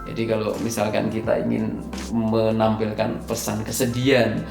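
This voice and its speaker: Gravelly-voiced man lecturing in an echoey room. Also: fairly low pitch, monotone, moderate pace. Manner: explanatory, hesitant fillers, stresses key words. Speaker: presentation skills trainer. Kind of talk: recorded slide lecture. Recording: echoey room, faint music underneath.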